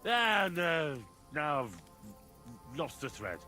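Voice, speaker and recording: Cocky, boastful young hero. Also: male voice, fairly high pitch, big pitch swings, slow pace, bright, forceful tone, faint music behind, exaggerated voice. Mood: bragging. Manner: boastful, swearing. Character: young man, boastful, cocky and quick-tempered. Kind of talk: game voice acting.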